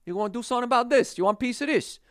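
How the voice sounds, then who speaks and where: A man's voice: very high-pitched, rapid-fire, a bit bright, voice pushed up. A man putting on a confrontational tough-guy voice with a taunting manner. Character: brash tough-guy man, street bravado.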